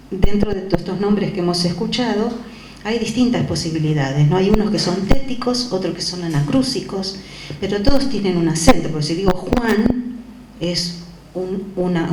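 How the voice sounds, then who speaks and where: A woman music teacher, lecturing a class and explaining ideas while checking in with her students through quick questions. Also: mid-range voice. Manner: explanatory, frequent questioning tags. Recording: echoey room with background noise.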